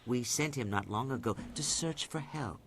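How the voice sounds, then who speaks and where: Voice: mid-range voice, normal speed, slight background noise, close to an everyday voice. An actor voicing a wary keeper of a haunted inn in a video game, speaking formally and with suspicion. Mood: guarded.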